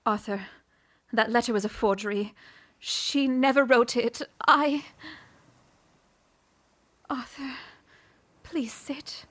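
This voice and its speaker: An actress playing Ida, a Victorian wife who speaks in hushed, breathy tones while hiding a guilty secret. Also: female voice, fairly high pitch, fairly even intonation, slow, pauses often. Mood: anxious. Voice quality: breathy, often whispering. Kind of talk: radio drama acting.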